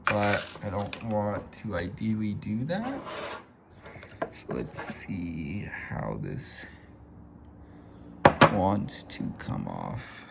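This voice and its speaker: An American man in a casual DIY car repair vlog, muttering low and sighing as he works on a stuck part. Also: huge pitch swings, drawn-out words, creaky, long pauses, heavy background noise. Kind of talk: casual chat while working.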